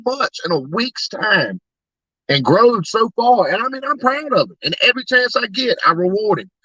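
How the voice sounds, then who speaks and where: A man's voice: high-pitched, very animated, moderate pace, sharp tone, husky, no room sound, lo-fi sound. A man who runs a truck tire shop, talking in a casual, upbeat, rambling and earnest way. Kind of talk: casual chat.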